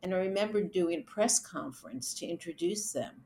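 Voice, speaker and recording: A middle-aged woman with a slightly low voice talks through her working life as an interview guest. She is chatty and relaxed, tells stories and laughs easily between points. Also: brisk, creaky, slight background noise. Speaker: event producer, guest. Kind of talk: conversational interview answers.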